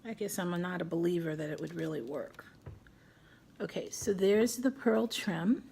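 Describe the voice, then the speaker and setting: A woman's voice: on the low side, normal speed, vocal fry, dark tone, a little hiss or hum. A middle-aged woman hosting a casual crafting tutorial at home, chatting and thinking aloud as she works. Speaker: craft video host.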